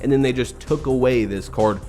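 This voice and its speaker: A man's voice: mid-range voice, normal speed, mellow, soft background music. A man narrating a critical commentary video, explaining things as he goes.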